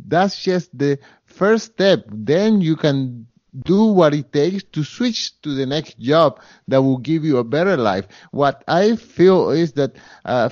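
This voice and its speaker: As an interview guest, this man with a Spanish accent talks earnestly but keeps restarting and using fillers. His fairly high voice is a little mellow, and the audio sounds dull, without echo.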